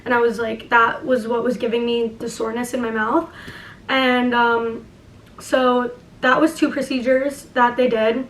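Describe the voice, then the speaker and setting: A woman's voice: a little high, level tone, unhurried, a bit bright, slight background noise. A young woman with a lisp tells a personal story casually and emphatically, swearing and saying "like" a lot, talking through a sore jaw that barely opens. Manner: emphatic, swearing, heavy use of "like". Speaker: vlogger. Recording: echoey room, distant microphone.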